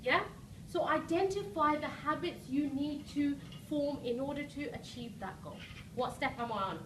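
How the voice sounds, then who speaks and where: Speaking at a normal speed in a high voice, a woman coaches a live audience through a rousing, emphatic motivational seminar, often checking in with short questions. The seminar room recording has a roomy echo, a distant mic and a noisy background.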